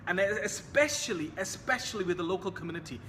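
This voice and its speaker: Young hong kong guy, high bright voice, earnest and repeats himself a lot, kinda echoey. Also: quick pace, slight background noise. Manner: earnest, repetitive, sprinkled with religious phrases. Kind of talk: casual talk to camera.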